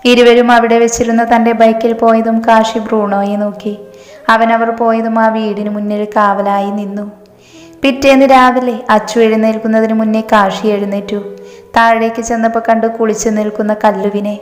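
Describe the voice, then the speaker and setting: A woman storyteller giving scripted story narration in an even, measured reading. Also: fairly high pitch. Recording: roomy reverb, faint music.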